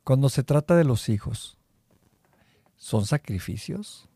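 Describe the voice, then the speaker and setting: A middle-aged man with a Mexican accent co-hosting a casual podcast, relaxed and jokey, often chiming in with quick agreements. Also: mid-range voice, husky, dry recording. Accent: Mexican Spanish. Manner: relaxed, jokey, keeps interjecting short agreements. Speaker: podcast co-host.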